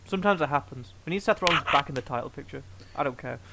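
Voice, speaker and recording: A man's voice: a little high, animated, fast, vocal fry, background noise. A man from the UK co-hosting a wrestling podcast, chatting in an easygoing way. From United Kingdom. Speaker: podcast co-host. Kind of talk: casual chat, wrestling predictions.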